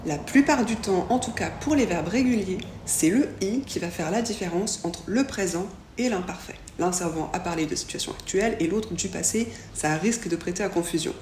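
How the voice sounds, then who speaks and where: A woman teaching a French lesson, saying each example slowly and pronouncing it clearly. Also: fairly low pitch, darkish tone. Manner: slow, clearly articulated model pronunciations. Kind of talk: language lesson. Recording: echoey room with faint background hiss.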